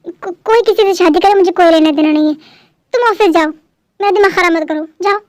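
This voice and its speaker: High-voiced dubber doing a stubborn proud elder sister. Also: female voice, a little fast, no echo, studio quality. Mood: defensive. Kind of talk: fan dub drama.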